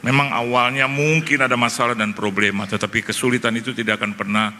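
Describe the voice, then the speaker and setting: A man's voice: mid-range voice, steady tone, fast, pushed and bright, in a large hall, a little hiss or hum. A middle-aged man, preaching a testimony as a pastor, acting out both sides of the dialogue. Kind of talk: sermon testimony.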